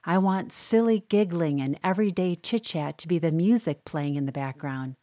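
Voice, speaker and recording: A woman reading a humorous newspaper column aloud in a wry, measured, dryly humorous way. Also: lowish voice, expressive, mellow, no room sound, studio quality.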